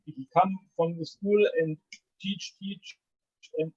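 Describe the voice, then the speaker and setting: A man's voice: on the high side, fairly even intonation, takes it slowly, darkish tone, highs cut off. A man learning English, speaking hesitantly in broken sentences on a video call.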